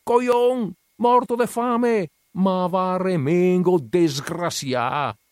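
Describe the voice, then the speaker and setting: A man voicing a pompous, quick-tempered wine magnate who bursts into shouted dialect insults. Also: mid-range voice, lively intonation, no room sound, lightly acted. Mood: furious shouting. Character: irate pompous male wine magnate, middle-aged.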